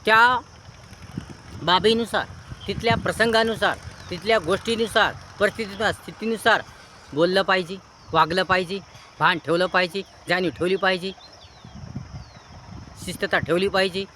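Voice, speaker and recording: A man with a fairly high voice delivers an earnest moral lecture. He piles up near-synonyms in long repetitive chains. Clear outdoor noise from a rural setting runs under his voice. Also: fairly even intonation, normal speed, pauses often, bright, forceful tone. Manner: earnest, preachy. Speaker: motivational speaker. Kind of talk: moral advice monologue.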